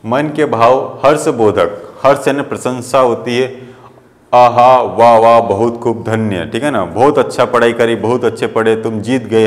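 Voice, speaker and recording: A man's voice: mid-range voice, long reverb tail. A male school teacher giving a grammar lesson, explaining in simple terms and often checking that his students follow him.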